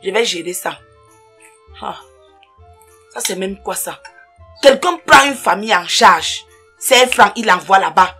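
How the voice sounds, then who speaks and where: A woman's voice: mid-range voice, lively intonation, unhurried, pauses often, pushed and bright, slightly rough, soft background music, heavily acted. A woman playing a scolding, dismissive older sister in a comedy sketch. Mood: complaining. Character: bossy older sister who spent his money.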